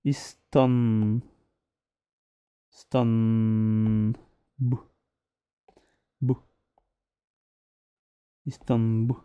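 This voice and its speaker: A man's voice: mid-range voice, smooth, no echo, narrow, tinny audio. A man teaching a reading lesson, spelling words out syllable by syllable and patiently correcting their pronunciation. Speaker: Arabic teacher.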